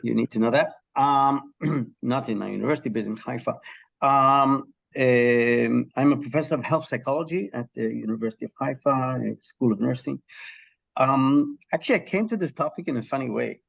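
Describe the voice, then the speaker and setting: Man, middle-aged professor, gravelly voice, mid pitch, lively storytelling, interview guest. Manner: lively storyteller with frequent ums and throat-clearing. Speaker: guest, professor of health psychology. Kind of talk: explaining research in an interview.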